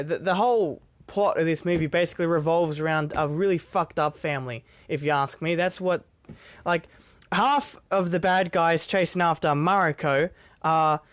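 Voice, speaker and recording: A young man with a high-pitched voice chats through a movie review. He rambles, swears casually and trips over restarts and fillers. The sound is dry and close, with no room echo.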